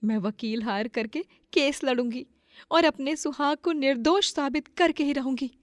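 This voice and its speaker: A woman's voice: high-pitched, moderate pace, no echo, studio quality, pitched above the performer's own voice, lightly acted. A woman playing a devout, loyal wife and mother in a moral story, earnest, determined and emphatic. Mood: earnest resolve. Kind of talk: acted Hindi moral story.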